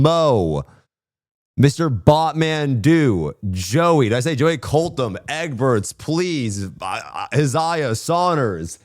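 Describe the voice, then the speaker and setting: A man's voice: mid-range voice, no room sound. A worn-out, hungover man chatting casually to livestream viewers in slangy, profane, rambling, self-deprecating talk, on a close streaming microphone. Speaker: live streamer.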